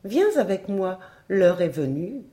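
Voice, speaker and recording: A woman reading aloud voices an old spirit woman from a folk tale, coming for a young shepherd as her promised groom. She speaks in an insistent, coaxing storybook voice with a mellow, warm timbre. She is a witch who will not take no for an answer. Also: medium pitch, big pitch swings, slow pace.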